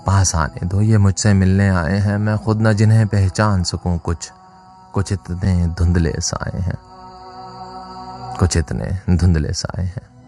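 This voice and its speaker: A man reciting a nostalgic poem slowly, with long lingering pauses. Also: sits low, steady tone. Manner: slow, lingering, wistful recitation. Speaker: poetry reciter. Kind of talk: slow poetry recitation over music. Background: music.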